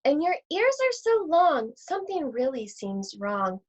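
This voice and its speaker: A woman's voice: high-pitched, big pitch swings, a little slow, pitched above the performer's own voice. A woman voicing a plucky, suspicious little girl in a storybook, exclaiming in an incredulous way. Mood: suspicious, amazed. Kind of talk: storybook character voice. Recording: dull, lo-fi sound.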